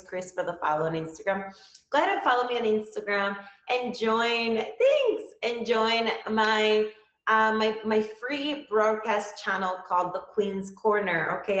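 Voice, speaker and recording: A woman's voice: mid-range voice, a bit bright, reverberant, muffled recording. A woman from Cuba hosting a live-stream talk show, chatty and upbeat, often checking in with viewers. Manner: chatty, upbeat, keeps saying okay to viewers. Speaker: livestream show host.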